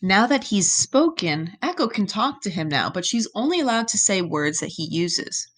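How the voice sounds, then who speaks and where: A woman teaching a recorded lesson, reading a myth aloud and explaining it step by step. She keeps checking in with her students and gives the quoted lines an animated voice. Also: mid-range voice, normal speed.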